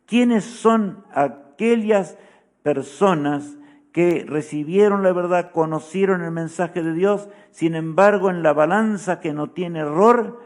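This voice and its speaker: A man's voice: high-pitched, takes it slowly. A man preaching a sermon in a solemn teaching tone, often asking his listeners "¿verdad?" as he goes.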